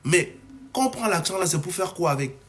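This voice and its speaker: Young man from Cameroon, fairly high voice, agitated vlog rant with many restarts. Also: expressive, a little fast, a bit bright. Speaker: comedy video maker. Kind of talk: heated monologue to camera.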